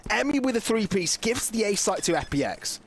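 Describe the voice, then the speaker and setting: A man casting an esports match with excitable, jokey play-by-play commentary. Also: high-pitched, brisk, slight background noise. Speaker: esports caster.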